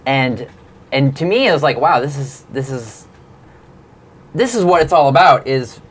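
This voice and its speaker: A man's voice: medium pitch, animated, normal speed, breathy edge. A man in his thirties, rambling and reflective in a casual podcast chat, often breaking off and restarting his sentences. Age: 30s. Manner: rambling, self-interrupting, reflective. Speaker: band member.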